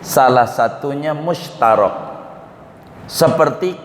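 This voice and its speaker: Slow, unhurried male religious teacher. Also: mid-range voice, a little hiss or hum. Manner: unhurried, explains Arabic terms, quizzes audience. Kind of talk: Islamic study lecture. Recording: echoey hall with faint ambience.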